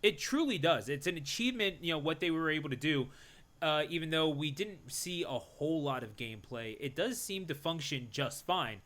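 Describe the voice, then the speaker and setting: A man's fairly high, bright, forceful voice in casual podcast chat. He talks quickly and jokingly, full of fillers and restarts. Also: expressive. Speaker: podcast co-host.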